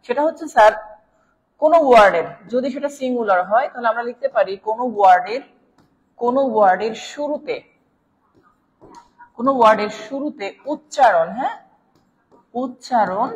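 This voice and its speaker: A woman with a Bangladeshi Bengali accent gives a live online grammar lesson in a fairly high voice. She explains patiently, step by step, checking in with her listeners as she goes. A long reverb trails each phrase. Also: animated, a little fast, pauses often, highs cut off. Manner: explanatory, checks in with "right?", addresses viewers as "sir". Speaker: English grammar teacher.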